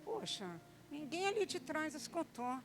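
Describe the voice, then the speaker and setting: A woman pastor with a Brazilian Portuguese accent, preaching a lively sermon and calling on the congregation to answer. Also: high voice, a little slow, background noise. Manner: animated, calls the congregation to answer back.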